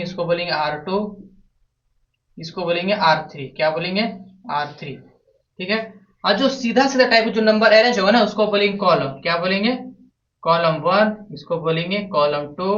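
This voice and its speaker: A man with a high, slightly bright voice teaches math at a board, repeatedly asking the class questions and answering them himself. The sound is dull and lo-fi, recorded from a distance in an echoey classroom.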